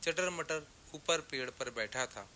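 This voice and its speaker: A man narrating a children's story in a slow, measured way. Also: fairly high pitch, animated, bright, forceful tone, a little hiss or hum.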